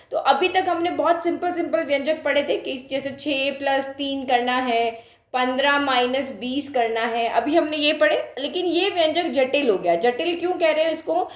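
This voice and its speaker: A woman math teacher with a high voice, recorded in an echoey room. She talks straight to her students, puts questions to them and repeats each point for emphasis. Her tone stays patient as she walks through the steps. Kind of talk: classroom lesson explaining on a board.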